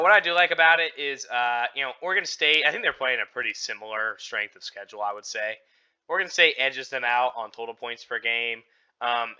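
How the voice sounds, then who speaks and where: Casting note: male podcast co-host, very bright edgy tone, rambling and laid-back, dull lo-fi sound. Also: medium pitch, smooth. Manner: rambling, laid-back, lots of fillers and self-deprecating laughs. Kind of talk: casual sports betting chat.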